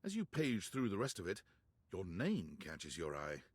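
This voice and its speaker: Game narrator,: measured second-person lines, low husky voice. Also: male voice, huge pitch swings, no room sound, studio quality, full character voice. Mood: calm. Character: calm adult male game narrator.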